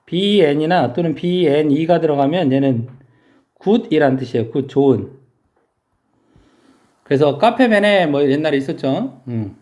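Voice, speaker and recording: Lecturer type, man, warm mellow tone, patient step-by-step explainer. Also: fairly high pitch, expressive, normal speed, pauses often. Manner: explains step by step, asks students questions. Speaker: English teacher. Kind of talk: vocabulary lecture.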